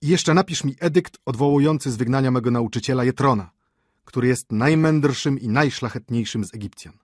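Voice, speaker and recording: A man's voice: medium pitch, brisk, dry recording, clean studio sound, voice pushed up, close to an everyday voice. A man reading aloud and voicing a dying young prince who speaks urgently, pleading, with a raised voice.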